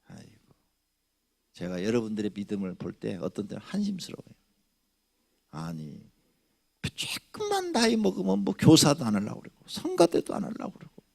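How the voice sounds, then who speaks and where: A man in his sixties preaching a Friday night sermon in church, with a gravelly, husky voice. His pitch leaps and dips a lot, from loud exhortation down to quiet muttering. He talks straight at the congregation with rhetorical questions. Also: huge pitch swings, normal speed, pauses often. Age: 60s. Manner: swings from loud shouting to low muttering asides. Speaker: pastor. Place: church sanctuary.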